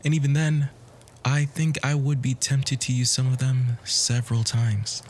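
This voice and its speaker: A man voices a poised, literary romantic for a flirtatious ASMR roleplay, his medium-pitched voice unhurried, fairly flat in pitch, and close to how he normally talks. His words are soft, breathy, and ornately courtly, frequently falling to a whisper. He comes across as tender and flirtatious.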